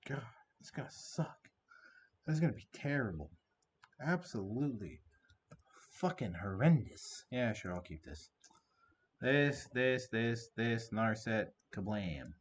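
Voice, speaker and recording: A man commentating his own online card game, swearing constantly and swinging between muttered gripes and shouted rants at his opponent. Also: lowish voice, slight background noise. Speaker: gaming streamer.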